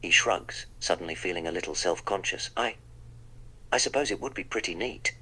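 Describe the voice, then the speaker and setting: A man's voice: sits low, moderate pace, pushed and bright, breathy edge, heavily acted, low-quality recording. A man voicing the Doctor, a wry, polite eccentric time traveller, in a text-to-speech role-play that narrates his own actions.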